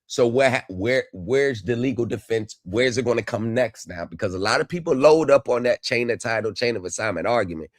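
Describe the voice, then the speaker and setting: A man's voice: medium pitch, animated, brisk, hardly any pauses, no echo. A man talks over livestream headset audio with a dry, close sound and no room around it. He speaks casually as the host and keeps turning to his viewers in the chat. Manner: chatty, addresses viewers directly. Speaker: livestream host reviewing court videos. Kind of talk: casual live commentary to chat.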